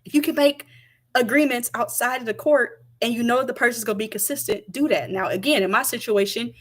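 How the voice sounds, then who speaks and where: A woman's voice: fairly high pitch, a little fast, a bit bright. A young woman, chatting casually to camera, emphatic and repeating her points. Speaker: vlogger.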